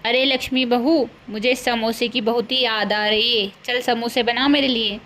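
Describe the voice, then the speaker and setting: A woman's voice: on the high side, steady tone, moderate pace, fairly bright tone, a little hiss or hum, close to an everyday voice. A woman voicing a scolding, greedy older village mother-in-law in a cartoon, bossy and scornful. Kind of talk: cartoon voice acting.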